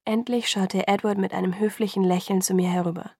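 A woman narrating a first-person novel as an audiobook, in a soft, subdued reading. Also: medium pitch, steady tone, brisk, slightly rough, no echo, clean studio sound.

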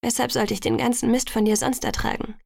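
A woman's voice: a little high, level tone, a little fast, gravelly, darkish tone, dry recording, clean studio sound. A woman voicing an anxious, guilt-ridden young woman in an audiobook, defensive and self-reproaching.

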